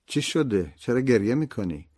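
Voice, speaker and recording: A man's voice: medium pitch, very animated, a little mellow. A man narrating an audiobook voices a dazed, confused mother who speaks weakly and listlessly. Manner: listless, murmuring.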